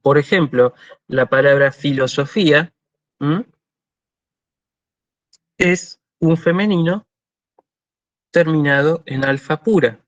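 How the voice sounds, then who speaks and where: Slow-talking Argentine lecturer, man. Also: fairly high pitch, no room sound, dull audio. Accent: Argentine Spanish. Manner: explanatory, checks understanding with frequent "¿sí?"; slows to spell out Greek forms. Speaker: university lecturer. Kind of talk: online lecture.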